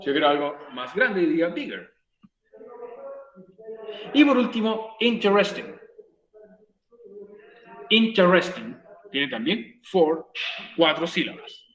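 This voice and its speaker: A Chilean male teacher guiding students through English grammar, repeating each word and question. His voice sits on the high side for a man. The room around him rings with a noticeable echo. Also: big pitch swings, slow pace, long pauses, fairly bright tone. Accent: Chilean Spanish. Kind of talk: recorded virtual class, explaining grammar in Spanish.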